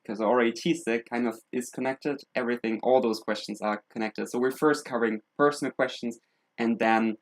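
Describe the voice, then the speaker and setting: A man's voice: mid-range voice, steady tone, brisk. Rambling young man streaming. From Germany. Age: 20s. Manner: self-mocking, rambling, thinking aloud while setting up. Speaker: live streamer. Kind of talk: casual live-stream chat. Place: home room in England.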